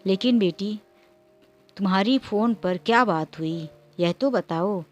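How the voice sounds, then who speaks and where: A woman voicing a gentle middle-aged mother who speaks calmly and coaxingly. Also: medium pitch, a little slow, natural voice. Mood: soothing. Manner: calm, coaxing.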